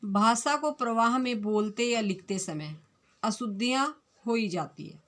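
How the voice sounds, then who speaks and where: A woman's voice: on the high side, fairly bright tone. A woman teaching a fifth-grade Hindi grammar lesson online, speaking in a patient, repetitive way and carefully correcting words one at a time. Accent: Punjabi. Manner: explains slowly and repeats corrections.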